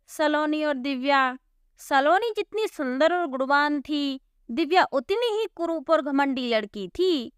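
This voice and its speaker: Brief: storybook narrator, woman, high voice, dry close recording. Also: dry recording.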